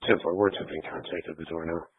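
A male police officer speaks over a walkie-talkie, his deep voice rattling off clipped radio codes at a fast clip. The sound is narrow and tinny, like a handheld radio, and completely dry. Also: steady tone, breathy edge, no echo.

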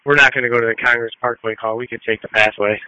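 A man on a fire engine crew, giving steady, matter-of-fact unit reports over a two-way dispatch radio. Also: medium pitch, quick pace, no room sound. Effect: two-way emergency dispatch radio. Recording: tinny, narrow two-way radio.

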